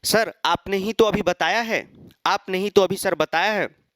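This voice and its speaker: A man's voice: high voice, measured pace, fairly bright tone, no echo. Confused schoolboy put on by a man, pleading, protesting, dry sound.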